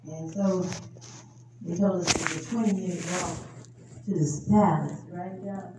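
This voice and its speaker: A woman preaching a testimony sermon, moving from low storytelling to loud, emotional preaching. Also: fairly even intonation, moderate pace. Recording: echoey room from far off, background noise.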